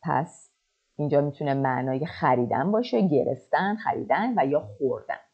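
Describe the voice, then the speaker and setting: A woman teaching a French lesson online, drilling verb forms slowly and explaining quickly between them. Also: sits low, animated, breathy edge, lo-fi sound. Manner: slow deliberate French drills, quick asides.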